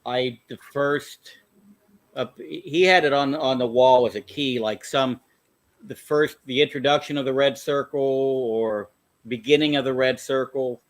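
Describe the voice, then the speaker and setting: A man's voice: medium pitch, measured pace. This is a man hosting a laid-back livestream about his comic collection. He speaks in an ordinary, mid-range voice, but he hesitates a lot, stammering and restarting his sentences as he goes. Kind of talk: casual chat.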